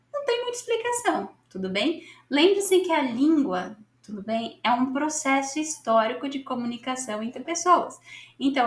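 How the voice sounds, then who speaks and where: A Brazilian woman with a Brazilian Portuguese accent gives a casual English lesson. She is chatty and encouraging, and keeps checking in with her listeners. Her voice sits high and sounds roomy and echoey. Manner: chatty, encouraging, keeps asking "tudo bem?". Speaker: English teacher.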